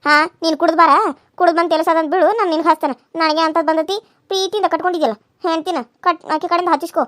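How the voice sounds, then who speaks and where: A shrill, rapid, sarcastic village wife scolding her husband in a cartoon, speaking in a North Karnataka accent, as a woman voices her. The recording is dry and close. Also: steady tone, fairly bright tone, no echo. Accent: North Karnataka Kannada. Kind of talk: cartoon serial voice acting.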